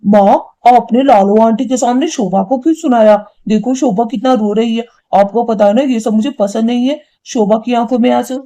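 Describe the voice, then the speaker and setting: A woman's voice: on the high side, normal speed, few pauses, mellow, lightly acted. A woman voicing a hot-tempered young husband and son in a cartoon, scolding and indignant. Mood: reproachful. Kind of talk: cartoon voice acting.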